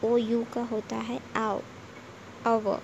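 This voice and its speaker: A woman teaching English pronunciation in a lesson, reading out example words one at a time in a slow, deliberate way. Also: on the high side, steady tone, creaky. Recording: slightly muffled with faint background hiss.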